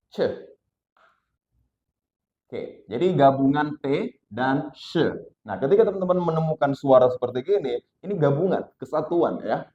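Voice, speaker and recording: A man teaching English pronunciation, slowly modeling sounds for learners to repeat. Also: fairly high pitch, darkish tone, roomy sound, highs cut off. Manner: slow, drawn-out modeling of sounds, mixing English and Indonesian. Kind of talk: classroom lesson, modeling sounds for repetition.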